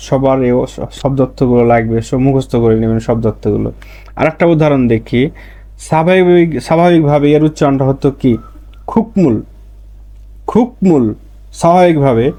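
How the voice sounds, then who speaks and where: Slow, patient male language teacher. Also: fairly high pitch, mellow. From Bangladesh. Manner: slow, repetitive, stresses example words. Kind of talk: explaining pronunciation rules.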